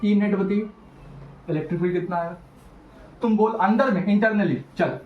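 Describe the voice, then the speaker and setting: A man teaching a physics lesson, animated and teasing, talking straight to his students. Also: sits high, moderate pace, echoey room, muffled recording, slight background noise. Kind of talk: classroom lecture.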